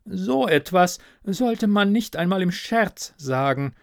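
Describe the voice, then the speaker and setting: A man's voice: high voice, sing-song, normal speed, gravelly, no room sound, clean studio sound, voice pushed up, exaggerated voice. A man voicing the fretful, self-pitying ghost of a dead product manager, nagging in a raised voice.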